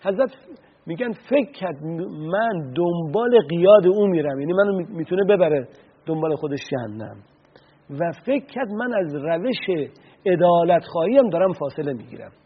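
A man's voice: sits high, expressive, breathy edge. A man giving an earnest religious talk on the radio, retelling stories and explaining Arabic sayings. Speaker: religious speaker. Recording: tinny phone-like radio sound.

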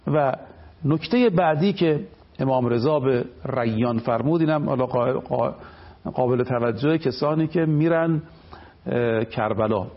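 A man's voice: mid-range voice, muffled recording. A man speaking as a cleric on a television program, delivering an emphatic religious lecture. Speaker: cleric guest.

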